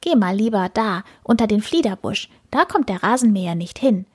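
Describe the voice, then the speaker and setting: A woman voicing a chirpy, know-it-all male sparrow in a children's story, lecturing in a high, breathy voice. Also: expressive, normal speed, a little mellow. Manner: lecturing, bossy.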